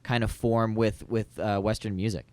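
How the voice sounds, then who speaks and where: A man's voice: fairly low pitch, fairly even intonation, normal speed, darkish tone, no room sound. A man chatting casually on a podcast, telling stories in informal, slangy speech. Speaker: podcast participant, musician.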